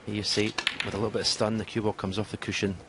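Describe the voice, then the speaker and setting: Low, even-toned male snooker commentator. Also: racing. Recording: crowd and noisy arena ambience behind. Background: audience in a snooker arena.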